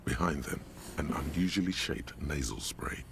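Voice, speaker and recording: A man's voice: rumbling low, expressive, moderate pace, vocal fry, noisy background, voice pushed down, heavily acted. A man voicing the wry, ominous inner voice of a detective, narrating a video game with drama. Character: brooding inner voice of a male detective.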